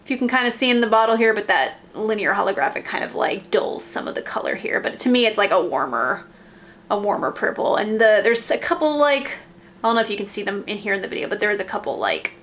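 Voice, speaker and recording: A woman's voice: medium pitch, sing-song, fast, fairly bright tone. An American woman chatting casually about nail polish, rambling, with lots of ums and restarts. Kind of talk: casual haul chat.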